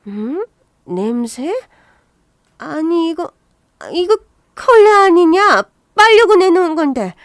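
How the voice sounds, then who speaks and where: Woman doing a high-pitched, scornful older mother-in-law for an audio story, bossy and nagging. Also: a little slow, darkish tone, dry recording, studio quality. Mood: scolding. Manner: harsh, nagging, contemptuous.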